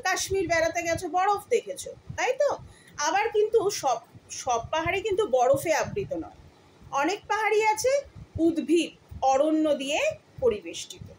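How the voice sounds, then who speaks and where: A woman with a West Bengal Bengali accent teaches young pupils, first reciting a poem slowly and musically and then explaining it with patient care. Her voice sits high. A faint hiss stays in the background of the recording. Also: low-quality recording. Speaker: primary school teacher.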